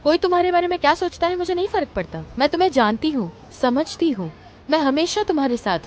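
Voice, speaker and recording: A woman dubbing a talkative, bold teenage schoolgirl in a TV drama, with a lively, coaxing delivery. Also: high-pitched, fast talker, a little hiss or hum. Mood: tender. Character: chatty bold teen schoolgirl. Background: background music.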